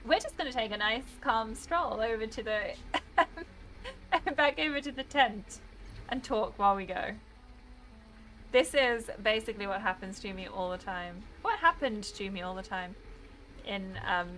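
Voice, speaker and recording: A woman's voice: mid-range voice, lively intonation, unhurried, fairly bright tone, a little hiss or hum, poor audio. Chatty British woman streaming a game. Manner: chatty, rambling, laughs often. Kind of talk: casual gameplay commentary.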